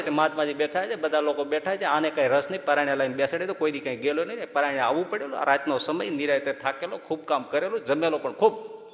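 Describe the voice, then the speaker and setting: Man, Gujarati accent, monk's sermon, folksy storyteller, fairly high voice, echoing hall. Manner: folksy, animated storytelling with laughter. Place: large hall at a gurukul. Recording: echoey hall with long reverb.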